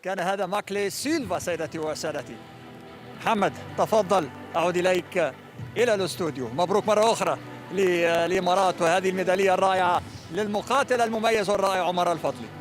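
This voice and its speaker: Male field reporter for live sport, high-pitched, formal and congratulatory, faint music behind. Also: fast. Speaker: on-site sports interviewer. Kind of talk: live broadcast interview.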